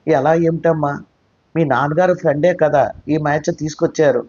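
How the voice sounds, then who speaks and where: A woman's voice: low-pitched, steady tone, moderate pace, warm tone. A man voicing an anxious, tearful middle-aged mother who pleads with worry, in a slightly muffled recording. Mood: pleading. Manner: pleading, worried.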